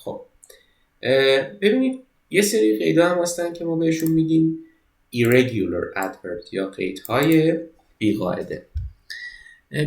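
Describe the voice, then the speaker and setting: Man teaching, slow English, Persian explanations. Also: on the high side, gravelly, a little mellow, echoey room, low-quality recording. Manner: reads English sentences slowly, then explains them in Persian. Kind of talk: exam-prep lesson.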